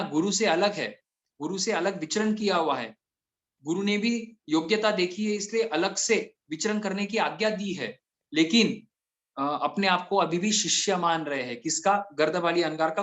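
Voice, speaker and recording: A man with a high voice gives a scripture discourse. He explains each term with care and comes back to key words again and again. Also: fairly bright tone. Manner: explains terms slowly, repeating key words. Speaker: Jain scripture teacher.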